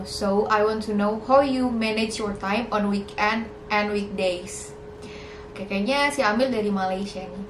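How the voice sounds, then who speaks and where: Young woman, fairly high voice, chatty and a bit nervous, casual vlog, echoey room, faint background hum. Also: fairly bright tone. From Indonesia. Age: young adult. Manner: chatty, slightly nervous, mixing in English words. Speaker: YouTuber.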